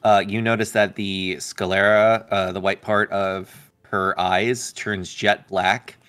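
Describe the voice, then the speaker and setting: A man's voice: low voice, flat delivery, takes it slowly, a bit bright, smooth. A man playing a tabletop game, casually narrating what his character does. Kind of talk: casual role-play narration.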